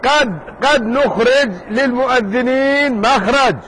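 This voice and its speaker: A man teaching a jurisprudence lesson in a mosque circle, talking casually and lively, joking with his students and firing rhetorical questions at them. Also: very high-pitched, measured pace, slight background noise, low-quality recording. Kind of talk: informal classroom lesson.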